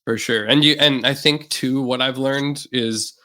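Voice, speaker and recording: A young Canadian man, a musician appearing on a podcast, speaks unhurriedly in a mid-range voice. In this casual interview chat he stays loose and relaxed, rambling with frequent fillers.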